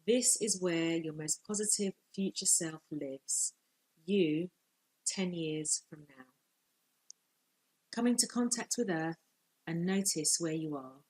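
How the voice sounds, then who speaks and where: Husky woman guiding a slow meditation. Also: low-pitched, darkish tone, rough recording. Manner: slow, soothing, measured instructions with long pauses. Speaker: life coach. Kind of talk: guided visualisation meditation.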